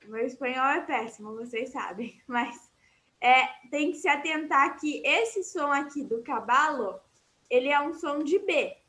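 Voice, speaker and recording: A woman's voice: high voice, animated, a little slow, bright, forceful tone. A woman with a Brazilian accent teaching Portuguese vocabulary in an online class, explaining patiently and repeating words for her students.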